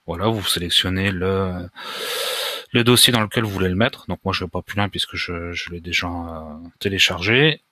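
A man explaining software step by step in a screen-recorded tutorial, talking casually and hesitantly with many pauses and restarts. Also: sits low, no room sound. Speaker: WordPress tutorial maker.

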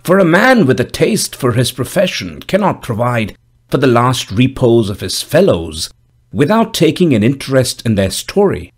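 A man voicing a stern, dry-humored gravedigger of about fifty, speaking in a grave, measured, solemn way in an audiobook. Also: medium pitch, big pitch swings, slightly rough. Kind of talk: audiobook character voice.

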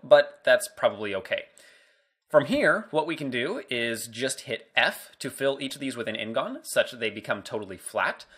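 A man's voice: medium pitch, sharp tone, husky. A man walking through a 3D modeling screencast tutorial in a casual way, thinking aloud as he works. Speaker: 3D modeling instructor.

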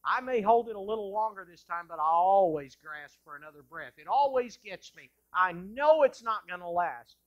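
A male pastor delivering an impassioned sermon in a church sanctuary, moving between loud bursts and hushed lines. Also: high voice, lively intonation, normal speed, few pauses, muffled recording.

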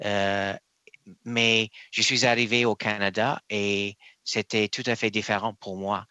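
Man from England, court nominee, halting answers, frequent restarts, dry close sound, video call. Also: on the low side, level tone, bright, forceful tone, dry recording. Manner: halting, searching for words, many restarts. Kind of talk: answering at a formal hearing.

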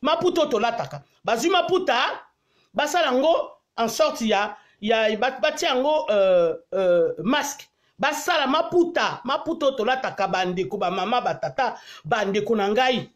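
A woman's voice: fairly high pitch, lively intonation, moderate pace. A Congolese woman vlogger ranting angrily on a live stream, mixing French with her native tongue and pleading repeatedly for viewers to share. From Congo (DRC). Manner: angry, repetitive pleading to share. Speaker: diaspora vlogger.

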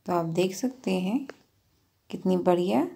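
Gravelly, husky woman explaining a recipe. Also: fairly low pitch, a little slow, mellow. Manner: patient, explains each step with practical tips. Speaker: cooking channel host. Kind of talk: step-by-step recipe voice-over.

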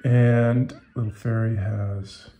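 The audio sounds dull, and the man's lowish voice moves little in pitch as he speaks at a slow pace. He's a fifty-something author and illustrator reading a picture book aloud and guiding children's drawing, with simple, casual wording and encouraging asides to young viewers.

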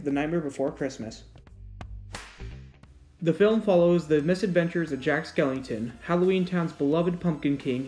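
A man's voice: on the high side, a little mellow. Man narrating film segment over faint music. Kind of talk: scripted film-review narration.

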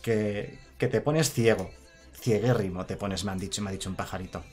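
A man's voice: lowish voice, normal speed, a little mellow, faint music behind. A man streaming a card game, chatting casually, reading chat aloud and laughing often. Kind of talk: casual live-stream commentary.

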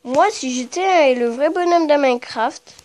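Woman gamer, high pitch, casual play-by-play, murmurs then sudden startled cries, cusses freely. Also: measured pace, a little mellow. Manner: muttering low, then bursting into startled shrieks and swearing; chatty with viewers, talks to the game creatures. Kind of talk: casual game commentary.

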